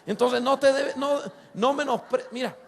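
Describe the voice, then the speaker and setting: A middle-aged man preaches, his voice pitched high for a man. He moves between earnest appeals and playful asides, and keeps asking the congregation rhetorical questions. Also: fairly even intonation, a little slow, gravelly. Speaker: pastor. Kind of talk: sermon.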